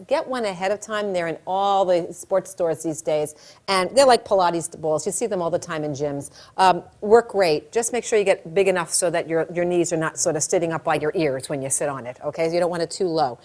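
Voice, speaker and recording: Animated woman teaching a childbirth class. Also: on the low side, a little fast. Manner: animated storytelling, acts out quotes, chatty. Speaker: childbirth educator and labor nurse.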